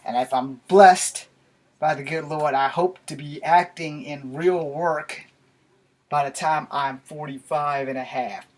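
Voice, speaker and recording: An American YouTube vlogger in his forties rambles casually to a camera a few feet away in a small bedroom. His voice is on the high side, steady and unhurried, and the home recording is noisy with clicks.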